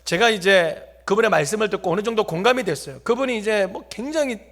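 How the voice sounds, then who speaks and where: A man's voice: high-pitched, expressive, fast, a bit bright. A male preacher tells a funny story in a sermon and jokes directly with the congregation in a church. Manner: jokey, talks directly to the congregation. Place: church sanctuary.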